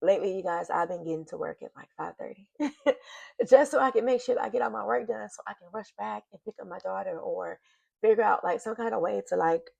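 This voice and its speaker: Woman, middle-aged, confessional home vlog, emotional and sighing, gravelly fry, dry close sound. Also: mid-range voice, brisk, darkish tone, no echo. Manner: emotional, sighing, talking straight to viewers. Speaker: vlogger. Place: home office. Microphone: computer mic.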